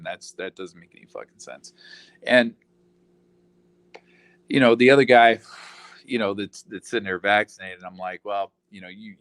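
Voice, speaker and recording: Low-voiced man ranting, profane and rambling, on a close dry mic. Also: fairly bright tone, dry recording. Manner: profane, rambling, heavy fillers. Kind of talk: casual ranting monologue.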